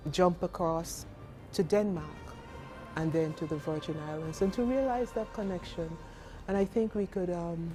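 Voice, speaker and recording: A woman with a lowish, very mellow voice makes her points earnestly and with measured emphasis, with faint music behind her. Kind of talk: earnest discussion.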